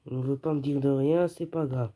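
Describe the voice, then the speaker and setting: A man's voice: medium pitch, fairly even intonation, brisk, mellow. A man giving live gameplay commentary, jumpy and prone to yelping and repeating words in a panic. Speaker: gamer playing online.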